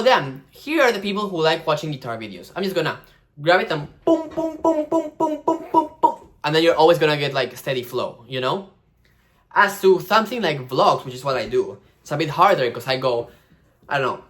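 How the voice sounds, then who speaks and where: Swearing freely, this young vlogger offers lively, casual tips on launching a vlog channel, playing the algorithm in silly voices. He speaks on the high side.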